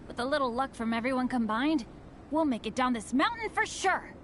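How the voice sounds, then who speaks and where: A woman's voice: sits high, animated, moderate pace, fairly bright tone, slight background noise. A woman voicing an earnest, unlucky young boy adventurer in an anime game, apologetic yet hopeful. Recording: music behind the voice.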